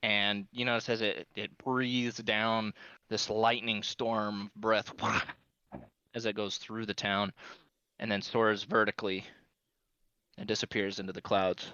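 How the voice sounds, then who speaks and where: A man's voice: on the low side, flat delivery, slow, bright, forceful tone, clean tone, no room sound, lo-fi sound. A man improvising tabletop game narration as game master, conversational and rephrasing as he goes.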